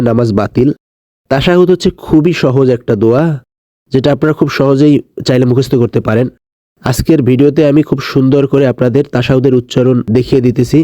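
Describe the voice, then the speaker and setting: Man teaching slow prayer recitation. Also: mid-range voice, warm tone. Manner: slow drawn-out recitation between quick explanations; patient, repeats syllables drill-style. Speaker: religious teacher. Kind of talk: recitation lesson.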